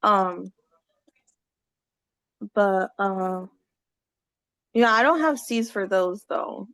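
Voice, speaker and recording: A woman's voice: medium pitch, very slow, a bit bright, no room sound. A woman co-hosting a casual online gathering, rambling and searching for words over a video call. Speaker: gathering co-host.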